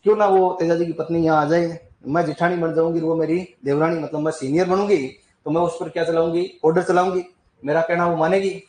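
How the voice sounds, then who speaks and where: A man tells a folk legend to a class, chatty, with asides and questions to the students and frequent throat clearing. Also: a little high, steady tone, brisk, a little mellow, roomy sound, poor audio. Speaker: teacher. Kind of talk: storytelling lesson on folk deities.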